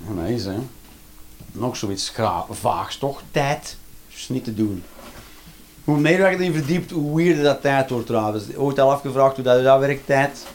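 A man's voice: mid-range voice, expressive, a little slow, a little hiss or hum. A man in his thirties with a Flemish accent doing a rambling, sarcastic stand-up routine. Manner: rambling, sarcastic, repeats punchlines. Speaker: stand-up comedian.

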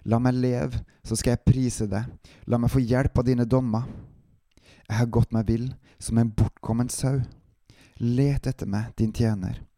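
A man hosting a devotional podcast, introducing a psalm and then reading it aloud in a calm, steady manner. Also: medium pitch, no room sound, clean studio sound.

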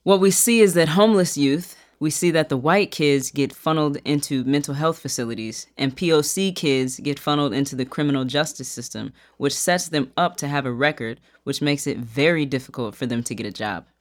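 An advocate for crime victims, explaining calmly in an interview. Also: medium pitch, fairly quick, few pauses.

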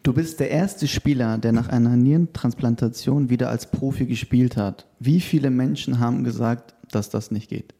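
A man hosts a casual interview in a medium-pitched voice with a soft, dark tone. He talks conversationally, moving between personal stories and questions for his guest. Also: normal speed, few pauses, slightly rough.

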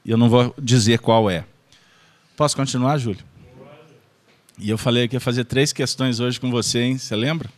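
A man's voice: medium pitch, fairly even intonation, normal speed, long pauses. A man with a Brazilian accent presenting a spiritist study group, giving an informal lecture in a joking manner and checking in with his audience. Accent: Brazilian Portuguese.

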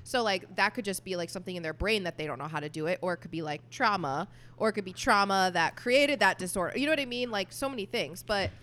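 A woman co-hosting a podcast, speaking bluntly and quickly, swearing freely. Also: medium pitch, a bit bright. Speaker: podcast co-host. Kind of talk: casual chat.

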